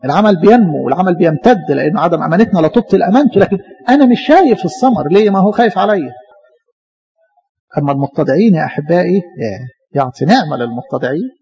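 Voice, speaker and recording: A man with an Egyptian accent preaching a sermon, animated and full of rhetorical questions. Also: sits high, rapid-fire, muffled recording. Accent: Egyptian Arabic.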